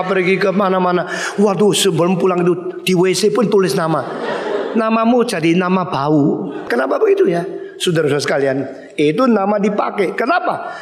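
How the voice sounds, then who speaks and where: Older man, pastor, animated sermon, fairly high voice, echoey hall. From Indonesia. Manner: animated storytelling, acts out dialogue with sudden high-pitched bursts.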